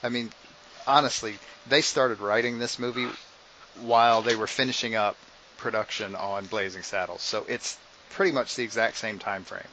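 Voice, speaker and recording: Bright-voiced man, rambling podcast chat. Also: lowish voice, fairly even intonation, moderate pace, a little hiss or hum, rough recording. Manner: rambling, restarts often. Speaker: podcast co-host. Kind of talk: casual chat.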